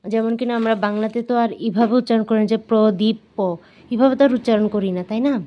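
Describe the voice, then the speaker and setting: A woman teaching Korean numbers to learners, explaining patiently and repeating each word slowly several times. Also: fairly high pitch, steady tone, highs cut off. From Bangladesh. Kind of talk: explaining and drilling pronunciation.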